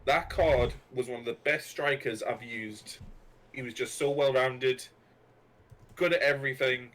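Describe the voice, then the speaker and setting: A young man co-hosting a casual podcast, laid-back and measured as he shares his opinions. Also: mid-range voice, steady tone, fairly bright tone. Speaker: podcast co-host. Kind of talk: casual chat about football cards.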